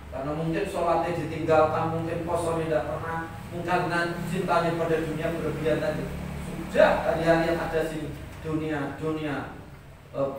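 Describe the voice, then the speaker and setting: A middle-aged man with a Javanese accent giving a humorous sermon in a lively, joking way. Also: a little high. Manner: lively, joking, laughs often, acts out quotes. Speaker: preacher and lecturer. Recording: echoey hall, distant mic, faint noise.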